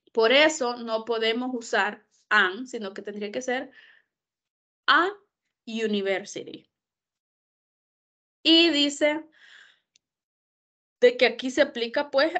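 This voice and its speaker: A woman tutoring English online, explaining articles slowly and asking herself questions, a Spanish speaker. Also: on the high side, a bit bright. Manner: slow, explanatory, asks and answers her own questions. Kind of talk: online English grammar lesson.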